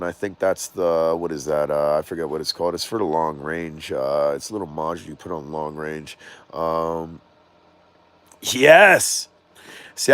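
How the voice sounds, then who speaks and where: A man hosting a casual drone livestream, slightly raspy and congested from the cold, talking loosely and animatedly to his viewers outdoors. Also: low-pitched, no room sound. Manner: loose, rambling, animated, jokes and reads chat aloud.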